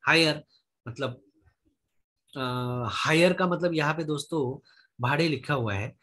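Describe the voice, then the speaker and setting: A man giving a casual English lesson in Hindi, slowly drilling word lists and repeating "friends" and "okay" often. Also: mid-range voice, a bit bright. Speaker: English teacher.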